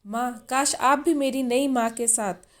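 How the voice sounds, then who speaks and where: A woman's voice: sits high, steady tone, unhurried. A woman reading the lines of a young newlywed bride in a storybook, earnest and emotional.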